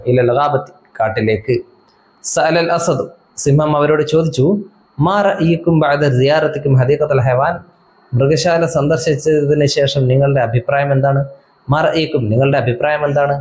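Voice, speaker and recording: Teacher slowly explaining textbook Arabic. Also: male voice, mid-range voice, rough recording. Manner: reads Arabic phrases slowly, then explains each; asks rhetorical questions of students.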